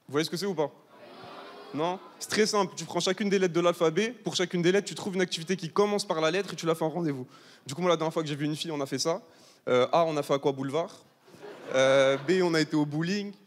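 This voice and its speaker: A man's voice: on the high side, quick pace. A young man in his twenties from southern France doing a brash, chatty stand-up set and teasing a large live audience. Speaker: stand-up comedian. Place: large live comedy hall, audience of 800. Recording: live hall with reverb and faint ambience.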